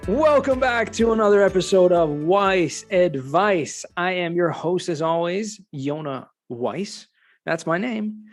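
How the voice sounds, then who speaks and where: A man's voice: high-pitched, slow pace, soft background music. Upbeat podcast host, middle-aged man. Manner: enthusiastic, animated intro delivery. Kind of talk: podcast interview.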